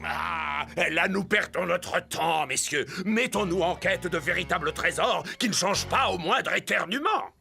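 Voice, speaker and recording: A man's voice: sits high, expressive, measured pace, creaky, hardly any pauses, bright, forceful tone, soft background music, exaggerated voice. A man playing a pompous, whiny, bossy pirate captain in a cartoon, with theatrical delivery. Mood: impatient. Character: bossy, whiny pirate captain who adores his mother. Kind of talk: cartoon voice acting.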